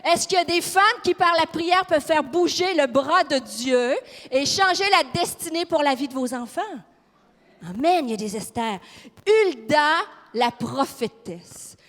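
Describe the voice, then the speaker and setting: A woman's voice: high voice, animated, a little slow, fairly bright tone. A woman with a Québécois accent preaching a fiery, emphatic sermon and putting questions to her audience in a church hall. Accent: Québécois French. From Quebec. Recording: long reverb of a large hall.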